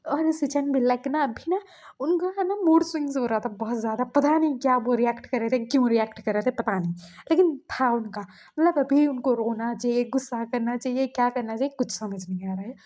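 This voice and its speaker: A woman's voice: fairly high pitch, brisk, darkish tone. A woman narrating a fan story in a casual, chatty way, full of filler words.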